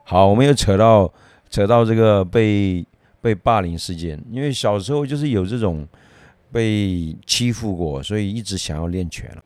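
Middle-aged man from Myanmar, martial arts teacher; deep voice, casual anecdotal chat, dry close sound. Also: moderate pace, dry recording. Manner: lively anecdotal, chuckles often, many fillers. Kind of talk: casual storytelling.

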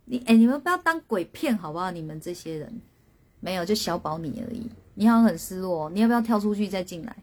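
Breathy woman, animated live-stream host, laughs often. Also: mid-range voice, fast talker. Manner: animated storyteller, reads out viewer guesses, laughs often. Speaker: spirit medium hosting a live stream. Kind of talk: casual live-stream chat with viewers.

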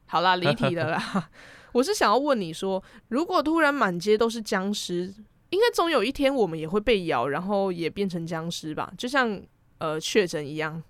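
A woman's voice: medium pitch, expressive, moderate pace, no room sound. Young Taiwanese Mandarin woman, close dry recording. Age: young adult. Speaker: podcast co-host. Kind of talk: casual chat about anime and pop culture.

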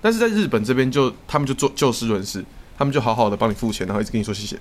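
A young man from Taiwan, co-hosting a podcast in casual chat, telling stories quickly with lots of swearing. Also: mid-range voice. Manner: rapid, swearing, animated storytelling. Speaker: podcast co-host.

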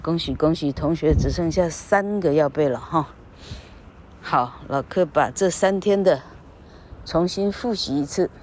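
Slow low-voiced Taiwanese woman teaching. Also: a little mellow, a little hiss or hum. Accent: Taiwanese Mandarin. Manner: demonstrates vowel sounds, tags phrases with "ha". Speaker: English pronunciation teacher. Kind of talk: casual spoken lesson. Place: recording under an elevated railway bridge.

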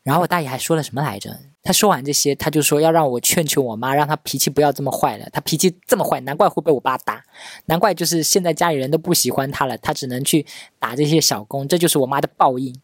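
A man's voice: a little high, fast talker, dry recording, clean studio sound. A man in his thirties hosting a podcast, telling a family story in a chatty, casual monologue. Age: 30s. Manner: chatty, acts out relatives' quoted lines. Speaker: podcast host.

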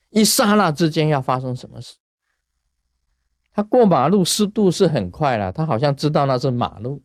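Guy telling a buddhist story, lively, chuckles a lot, close dry mic. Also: mid-range voice, no echo. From Taiwan. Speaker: Buddhist teacher. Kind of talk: casual dharma talk.

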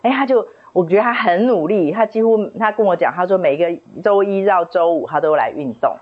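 Woman, animated storyteller leading a small group, lowish husky voice on a muffled recording. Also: a little fast. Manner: animated storyteller who acts out quoted voices. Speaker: book club leader. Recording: dull lo-fi recording.

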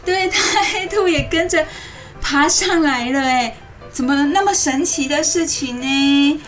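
A high female voice, slightly distant over music. She tells a story as if reading to a toddler, using simple, animated phrases. She keeps turning to her young listeners with coaxing questions. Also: unhurried. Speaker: host of a children's radio story programme. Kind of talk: interactive storytelling to young children, asking questions.

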